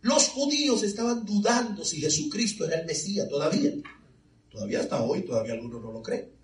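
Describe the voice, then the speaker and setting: A man preaching a sermon in a church, animated and calling on the congregation for answers. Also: high voice, quick pace. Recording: echoey hall, mic far off.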